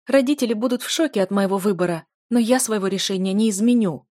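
A woman's voice: medium pitch, fast, dark tone, no echo, studio quality, lightly acted. A woman voicing a desperate young female student in love, pleading emotionally with a raised voice.

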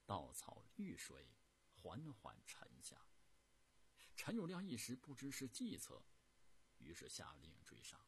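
A man narrating a historical story dramatically, jumping from loud bursts to hushed whispers. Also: on the low side, wildly swooping pitch, measured pace, vocal fry, a little hiss or hum.

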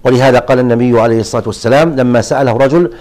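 Speaking in a mid-range, slightly mellow voice, a male Islamic scholar responds to listeners' questions about religion. His explanations are measured and lesson-like, often restarting.

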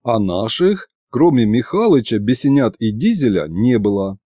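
A man narrating a first-person audiobook in an animated, ironic storytelling manner. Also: medium pitch, normal speed, dry recording, studio quality.

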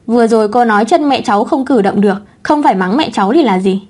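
A woman reading the part of a fearless little girl who speaks loudly and indignantly. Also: on the high side, quick pace, natural voice. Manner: loud and indignant.

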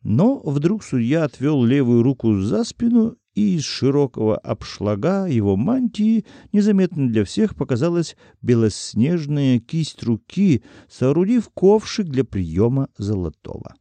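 A male audiobook narrator reads in an expressive storytelling manner, his voice very dark and mellow with a lively, wide-ranging pitch. The recording is close and dry. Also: a little slow, few pauses, no echo.

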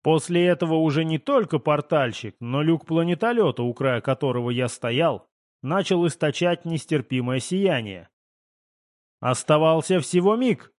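A man reading a first-person novel aloud in a steady, even storytelling voice. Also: fairly high pitch, moderate pace, no echo, clean studio sound. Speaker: audiobook narrator. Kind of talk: scripted first-person audiobook narration.

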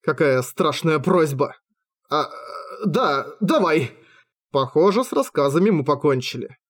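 A man narrating an amateur audiobook in the first person, with an expressive, wry, self-mocking delivery. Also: on the high side, normal speed.

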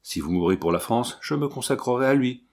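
A devout marquise speaks with quiet, solemn firmness, voiced by a man reading aloud. She tells of her resolve in even, measured tones, a noble lady given over to duty. It is a plain audiobook reading. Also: medium pitch, close to an everyday voice. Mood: solemn, resolute. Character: devout grave noble woman, a marquise nursing wounded soldiers.

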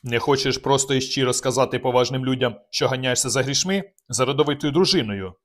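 A spiteful, drunken nobleman hisses his words with cold venom, as a male audiobook reader puts him on. The voice sits at a middle pitch, and he sounds sneering and hard. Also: quick pace, close to an everyday voice. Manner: hissing, venomous.

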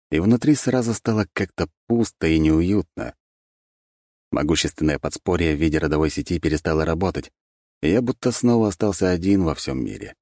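A man narrating a fantasy audiobook in an even, measured storytelling manner. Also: rumbling low, no room sound, studio quality. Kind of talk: scripted narration.

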